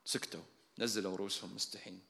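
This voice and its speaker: Preacher man telling stories in a sermon, bright sharp voice, rushing along. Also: flat delivery, creaky. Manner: storytelling, dramatic swings in loudness and pitch. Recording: long hall reverb.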